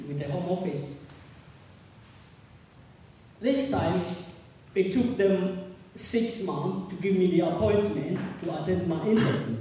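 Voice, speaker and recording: A man from Uganda, in his thirties, giving earnest, halting personal testimony at a public meeting and repeating words as he goes. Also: a little high, mellow, slight background noise. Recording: echoey hall from far off.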